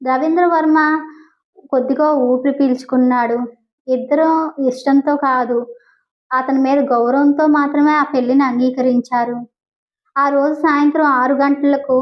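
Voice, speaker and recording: A woman narrates a scripted audio drama in a high voice, reading in a steady, descriptive way. The recording is dull and lo-fi. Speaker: storyteller.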